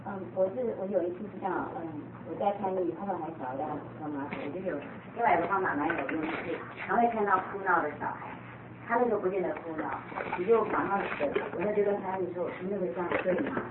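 Audience mom, quick speech with restarts, far from the mic, echoey and phone-like with clear noise. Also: female voice, fairly low pitch. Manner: hesitant restarts, storytelling. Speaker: parent in audience. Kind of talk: sharing experience in a group talk. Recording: distant, echoey, tinny with noise.

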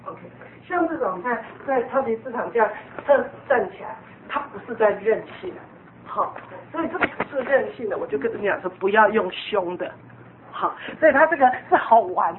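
Parenting teacher, woman, firm coaching tone, slightly high voice, phone-like audio. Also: lively intonation, normal speed, a little hiss or hum. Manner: firm, coaching, acts out scolding examples. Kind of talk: instructive talk to parents. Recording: tinny phone-like sound.

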